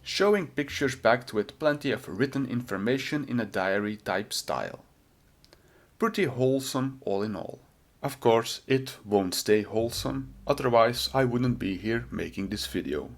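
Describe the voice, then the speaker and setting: A man's voice: medium pitch, a little slow. A man delivering scripted video essay commentary in a sardonic, mocking manner.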